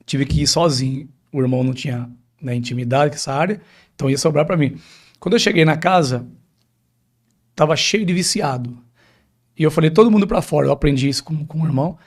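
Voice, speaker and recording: A man's voice: fairly high pitch, brisk, pauses often. A man, a pastor telling a personal testimony in a podcast interview, emphatic and often addressing the host directly.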